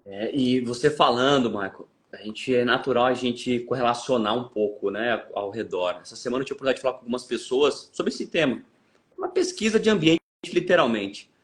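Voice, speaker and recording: A man's voice: mid-range voice, brisk. A man with a Brazilian Portuguese accent, hosting a podcast and reasoning aloud in a thoughtful, hesitant way. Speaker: podcast host. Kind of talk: reflective interview talk.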